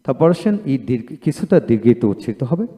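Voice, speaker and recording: A man teaching an English pronunciation lesson. He repeats each word twice, slowly and with emphasis. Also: mid-range voice, very animated, dark tone, in a large hall.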